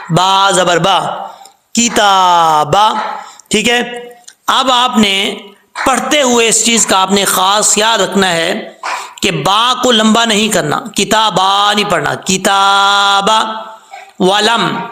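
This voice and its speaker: Male tajweed teacher, patient and step by step, high gravelly voice, chants the verses slowly. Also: sharp tone, echoey room. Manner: patient, explains step by step and checks understanding; draws out words slowly, with melodic chanting when reciting. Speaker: Quran recitation teacher. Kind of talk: tajweed lesson.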